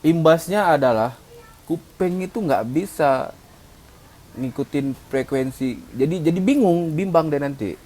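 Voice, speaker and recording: A man's voice: fairly high pitch, a little slow, mellow, a little hiss or hum. A man co-hosting a casual chat, explaining at length about mixing music and imitating sounds as he goes. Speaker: co-host, music mixing engineer.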